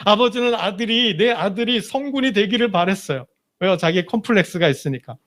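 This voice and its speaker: Man, pastor, high voice; chatty sermon built on rhetorical questions, goes soft and low at the emotional points. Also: expressive, brisk. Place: church sanctuary.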